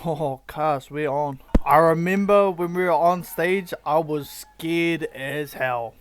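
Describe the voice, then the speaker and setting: A man's voice: a little high, takes it slowly, a little hiss or hum. Young man with a broad Kiwi accent. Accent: broad New Zealand. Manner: slangy, loose and chatty, with exclamations. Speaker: YouTube host. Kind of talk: casual reaction commentary.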